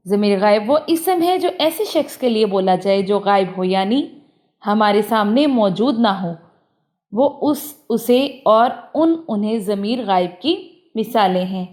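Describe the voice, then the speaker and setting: A woman, working through a textbook exercise as a teacher and reading word lists aloud clearly and deliberately. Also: medium pitch, a little mellow.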